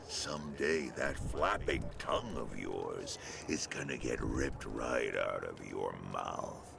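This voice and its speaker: An actor playing a hulking, menacing ogre thug boss in a video game, haughty and contemptuous, with a gravelly growl. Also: male voice, rumbling low, noisy background, full character voice. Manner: haughty, threatening, speaks of self in third person. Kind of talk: video game character dialogue.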